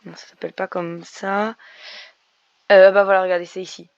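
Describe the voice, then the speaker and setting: Chatty woman with a creaky voice. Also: medium pitch, flat delivery, normal speed, no echo, muffled recording. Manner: chatty, explaining as she plays, many fillers and restarts. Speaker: gaming YouTuber. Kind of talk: Minecraft let's play commentary.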